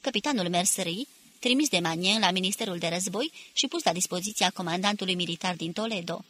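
Husky-voiced woman narrating an audiobook. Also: fairly low pitch, fairly bright tone. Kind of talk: scripted literary narration.

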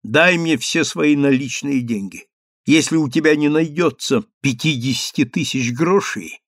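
A man voicing a calm, authoritative sultan who gives measured orders. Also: mid-range voice, no room sound, clean studio sound, close to an everyday voice.

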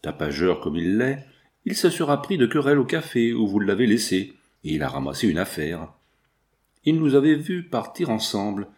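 A man's voice: lowish voice, very animated, moderate pace, darkish tone. A man reading the part of a shrewd, scheming male financier in an audiobook, speaking in a persuasive, self-assured way.

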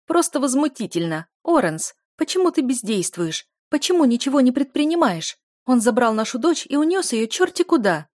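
Shrill, sobbing audiobook duchess read by a woman, high and loud, dry close sound. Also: expressive, brisk, few pauses, dry recording. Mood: frantic, tearful. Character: hysterical tearful noble duchess, middle-aged woman.

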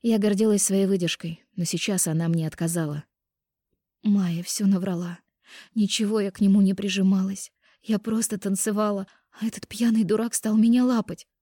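A woman reading a first-person romance audiobook in an expressive, intimate way on a close microphone. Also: medium pitch, normal speed, dry recording. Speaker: audiobook narrator.

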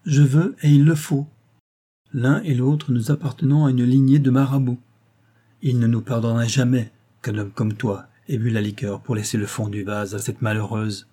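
A man voicing a noble young wife, gentle but resolute, in an audiobook reading with an earnest, solemn manner. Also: medium pitch, little pitch movement, normal speed, breathy edge, lightly acted.

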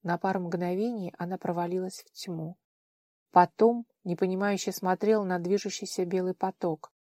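A woman narrating an audiobook in an expressive, measured manner. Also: fairly low pitch, no room sound, studio quality. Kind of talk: scripted narration.

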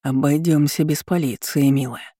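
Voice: fairly even intonation, normal speed, mellow, no echo, studio quality, lightly acted. A reader voicing a hot-tempered male gangster in an audiobook, growling and icy. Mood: icy menace. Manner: low growl, icy and clipped. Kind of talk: audiobook character voice.

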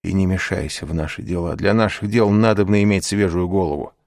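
A man's voice: deep voice, a little fast, gravelly, a little mellow, dry recording, studio quality. A man voicing a cunning, envious schemer who talks in a cool, ironic and needling way. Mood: persuasive, scheming.

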